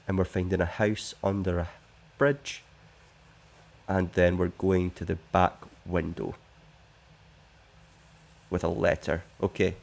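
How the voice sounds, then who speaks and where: A man's voice: sits low, creaky, a little mellow. A man giving chatty, joking commentary to viewers while playing a sailing game. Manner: chatty, jokey, talks straight to viewers. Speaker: game streamer. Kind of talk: casual let's-play commentary.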